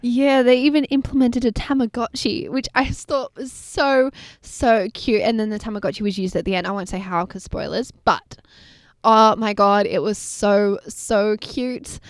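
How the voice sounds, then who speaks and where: A woman co-hosting a film podcast, chatting casually and gushing excitedly, rambling with fillers and apologizing for ranting. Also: on the high side, moderate pace, dry recording, studio quality. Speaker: podcast co-host.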